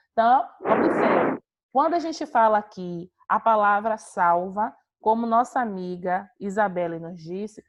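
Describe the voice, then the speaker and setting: A woman's voice: a little high, highs cut off. A woman teacher giving an online class over a video call, explaining patiently, repeating points and calling on students by name.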